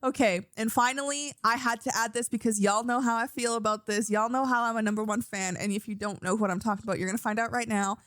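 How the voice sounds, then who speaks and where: A woman's voice: fairly high pitch, fairly even intonation, quick pace, few pauses, a bit bright, no room sound. Bubbly young woman co-hosting, dry sound. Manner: bubbly, giggly, full of "like". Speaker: podcast co-host. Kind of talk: casual chat.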